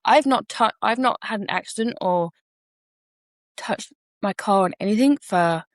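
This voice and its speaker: A woman's voice: medium pitch, animated, measured pace, no echo, studio quality. A woman co-hosting a podcast, telling a personal story frankly and reflectively and swearing casually. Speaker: podcast co-host.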